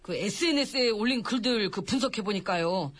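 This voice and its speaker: A woman's voice: medium pitch, animated, fairly quick, fairly bright tone, a little hiss or hum, pitched below the performer's own voice, lightly acted. A woman doing a cheeky, fawning court servant. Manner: deferential, cheeky and whining. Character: fawning court servant reporting gossip to the king. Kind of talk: satirical radio comedy sketch.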